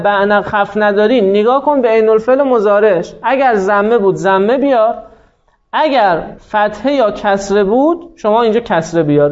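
A man teaching an Arabic grammar class, patiently explaining rules, quizzing students and slowing down to dictate word forms. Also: high voice. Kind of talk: classroom lesson. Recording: dull lo-fi sound.

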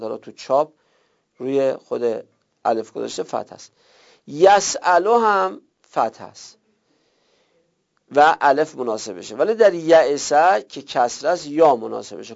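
A man's voice: fairly high pitch, creaky, muffled recording. A man teaching a recorded lesson, explaining step by step and repeating examples.

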